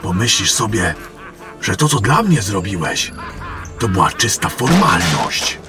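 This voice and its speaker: In a fantasy audio drama with background music beneath him, a man plays a sly, mysterious stranger who trades in secret information. His lowish voice swings widely in pitch at a measured pace, smug and insinuating.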